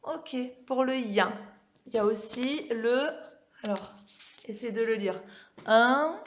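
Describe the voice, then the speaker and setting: A woman teaching a home-school reading lesson to young children, stretching out sounds slowly and checking in with them often. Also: a little high, a little hiss or hum. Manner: slow, careful, drawn-out pronunciation of sounds; checks in with frequent questions to children. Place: classroom with a board.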